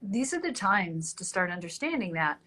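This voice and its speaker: A woman's voice: mid-range voice, very animated, moderate pace, sharp tone, husky. A woman hosting a casual livestream interview, chatting with her viewers and thinking aloud between questions.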